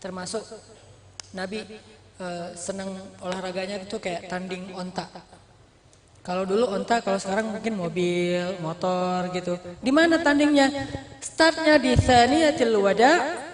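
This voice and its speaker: A man's voice: high voice, fairly even intonation, unhurried. A man giving a casual, playful sermon to young people in a mosque, acting out the people in his stories. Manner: playful, acts out quoted dialogue in shifting voices. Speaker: preacher. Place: large mosque hall. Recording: echoey mosque hall.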